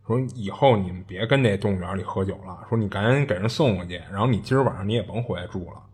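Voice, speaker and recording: A man voicing an old zoo gatekeeper who urges in a hushed, cautious tone. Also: low voice, fast talker, husky, pitched below the performer's own voice. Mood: urging.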